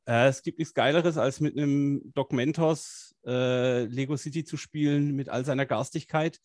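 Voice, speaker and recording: A man's voice: mid-range voice, fairly even intonation, moderate pace, darkish tone, no room sound, clean studio sound. A man co-hosting a live stream, an agile coach talking casually and energetically with many fillers.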